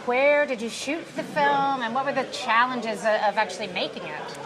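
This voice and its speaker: A woman host with a fairly high voice asks her guests questions in a friendly, unhurried way. A crowd's chatter carries clearly behind her on the busy terrace. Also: poor audio. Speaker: interview host. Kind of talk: interview at a film festival.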